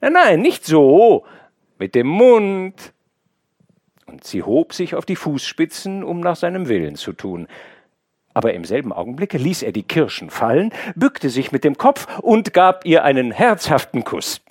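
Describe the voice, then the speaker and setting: A man reading a classic novel aloud as an audiobook narrator, in a measured, expressive storytelling manner. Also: slightly rough, no echo, studio quality. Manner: measured, expressive storytelling with wide pitch movement. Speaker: audiobook reader. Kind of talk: scripted literary narration.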